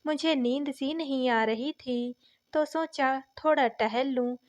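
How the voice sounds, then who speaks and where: A woman voicing a caring young daughter-in-law in a story reading, speaking softly and respectfully. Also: high-pitched, slow. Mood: hesitant. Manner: soft, hesitant, respectful.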